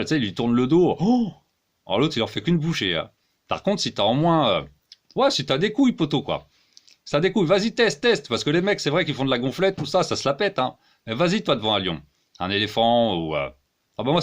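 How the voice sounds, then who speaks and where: Animated rambling man, crude comic monologue. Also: medium pitch. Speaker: one-man-show performer.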